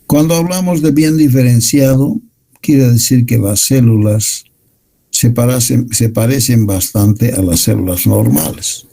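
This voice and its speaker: A man giving a university medical lecture, explaining slides in a measured way. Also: medium pitch, gravelly, mellow, low-quality recording.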